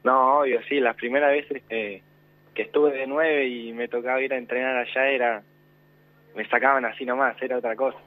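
A man's voice: medium pitch, fairly even intonation, moderate pace. A young man with a Rioplatense Spanish accent, a football player giving short, modest answers in a radio interview. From Argentina. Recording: tinny phone line.

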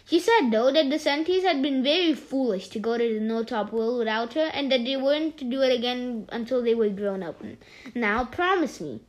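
A woman reading a children's story aloud, often stumbling and restarting words. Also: fairly high pitch. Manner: halting, with frequent restarts.

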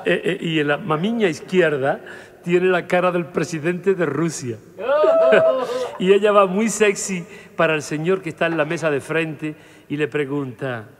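Male comic, high voice, live joke telling, reverberant hall. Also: unhurried, a crowd in the background. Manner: mixes Portuguese into Spanish, laughs at own jokes. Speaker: stand-up comedian telling jokes. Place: live show before an audience.

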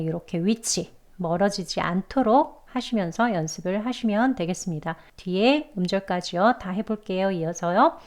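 Patient woman teaching pronunciation. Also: mid-range voice. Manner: patient, demonstrates sounds slowly and repeats them. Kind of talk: step-by-step pronunciation lesson.

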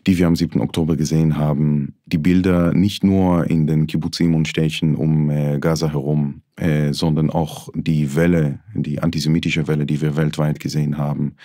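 Israeli-born man in his forties, very low dark voice, flat delivery, halting podcast guest in a dry studio. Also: no echo. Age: 40s. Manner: halting, searching for words, many fillers. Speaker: author, guest. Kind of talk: thoughtful podcast conversation. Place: small studio. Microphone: desk microphone.

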